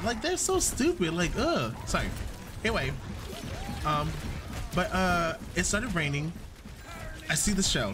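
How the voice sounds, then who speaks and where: Lively, swearing male game streamer. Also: fairly high pitch, noisy background. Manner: animated, swears freely, greets chatters mid-story. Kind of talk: casual live-stream chat while gaming.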